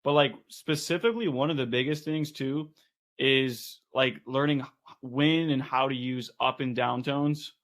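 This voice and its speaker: A man's voice: mid-range voice, fairly even intonation, unhurried, a bit bright. A man who leads a sales team, in a casual podcast conversation, explaining things step by step with lots of "like" and "right".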